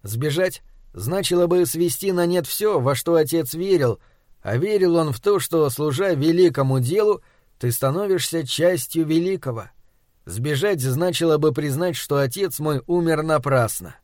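A man narrating an audiobook in a measured, reflective storytelling manner. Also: a little high, animated, darkish tone, no room sound, clean studio sound.

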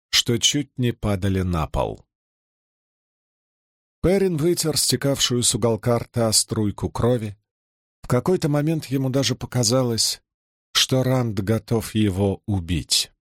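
Slow, measured male audiobook narrator. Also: mid-range voice, no echo, clean studio sound. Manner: measured, even reading. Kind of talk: scripted narration.

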